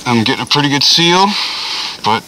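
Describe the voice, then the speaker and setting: A man's voice: mid-range voice, normal speed. A man from Tennessee, talking casually through a gas mask and its voice amplifier as he demonstrates gear, in a rambling, offhand way. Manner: rambling, offhand, loose fillers. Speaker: gear reviewer. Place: outdoors. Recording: distant with steady noise.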